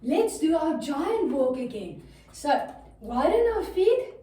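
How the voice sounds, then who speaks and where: Her high, sing-song voice has a dark tone and moves at a slow pace while she tells a children's story and leads kids through yoga with simple, encouraging instructions. The recording sounds far away in a very reverberant room.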